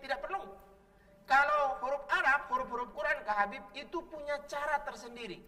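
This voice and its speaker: A man's voice: very high-pitched, fairly quick, sharp tone, big-room sound, far from the mic. A man hosting a children's Quran lesson on television, teacherly and prompting the kids to answer back as he draws out each letter sound. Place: television studio.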